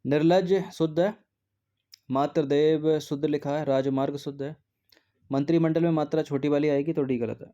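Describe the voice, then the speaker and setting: A man with a fairly high, mellow voice goes through test questions one at a time as an exam prep teacher. He explains each answer patiently and keeps checking in with his listeners. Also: fairly even intonation, normal speed, muffled recording. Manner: patient, repeats "theek hai" often.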